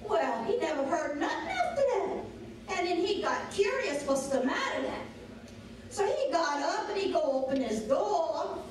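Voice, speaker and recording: A woman with a Cajun accent telling a folk tale in a folksy, dramatic, drawn-out theatrical style. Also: extremely high pitch, very animated. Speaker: storyteller. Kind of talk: theatrical oral folk storytelling. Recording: noisy, very echoey room, distant mic.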